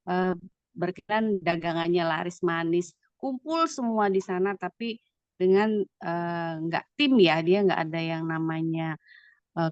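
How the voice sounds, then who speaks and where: A woman's voice: lowish voice, no echo. A woman trainee reporting her breakout group's discussion over a video call, explaining at length with many hesitant fillers. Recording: dull dry video-call audio.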